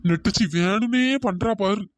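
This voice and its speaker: A voice actor playing a tall, exasperated husband in a comic cartoon, bickering and then pleading through a pitch-shifted cartoon voice. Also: moderate pace, dry recording, studio quality. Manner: scolding, then fawning and pleading. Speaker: cartoon character.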